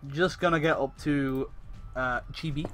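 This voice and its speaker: A man's voice: on the high side, a little slow, a bit bright, faint music behind. A man running a tabletop game as game master, narrating the action in a hesitant, apologetic way, full of fillers and restarts.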